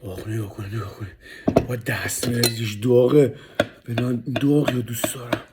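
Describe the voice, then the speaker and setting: A man's voice: medium pitch, fairly even intonation, heavy background noise. A man vlogging about his food in a casual, hyped-up way, talking straight to the viewers and sometimes dropping to a whisper. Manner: hyped and playful, drops to whispers over the food.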